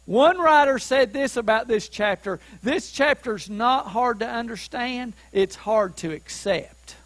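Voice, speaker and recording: A man preaching a sermon as pastor, who asks the listeners questions and rises to emphatic shouts on key points. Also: very high voice, measured pace, no echo, poor audio. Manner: asks the congregation questions to keep them following.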